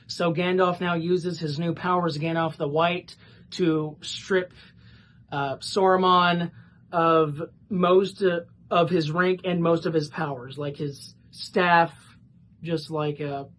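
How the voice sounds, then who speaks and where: A woman's voice: fairly low pitch, slight background noise. A woman giving a casual, rambling plot summary for a book review, with lots of fillers and restarts.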